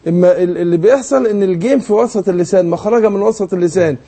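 A man's voice: sits high, racing, mellow, husky. A man with an Egyptian accent teaching Quran recitation rules, patiently explaining and asking leading questions. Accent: Egyptian Arabic. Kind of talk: tajweed lesson.

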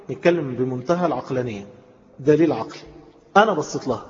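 A man with an Egyptian Arabic accent giving a sermon, stretching phrases out and rising suddenly for emphasis. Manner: emphatic, drawn-out phrases with sudden swells in pitch. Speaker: preacher. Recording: dull lo-fi sound with long hall reverb.

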